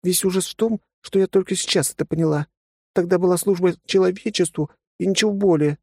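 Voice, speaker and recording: A man's voice: sits high, steady tone, fast, darkish tone, breathy edge, no room sound, studio quality, pitched above the performer's own voice. A man reading an audiobook, voicing a blunt, matter-of-fact warrior woman who has become a wife, in a raised voice. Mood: wistful. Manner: brusque, teasing, matter-of-fact. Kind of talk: audiobook character voice.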